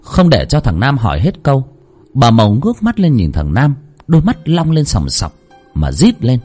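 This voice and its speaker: Husky dark-voiced horror storyteller, man. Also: huge pitch swings, normal speed, faint music behind. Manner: dramatic, sweeping pitch swings.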